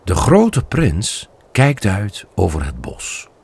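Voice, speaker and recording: Give me a man reading a children's story aloud, husky and unhurried. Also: lowish voice. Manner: expressive, slow read-aloud. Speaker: narrator.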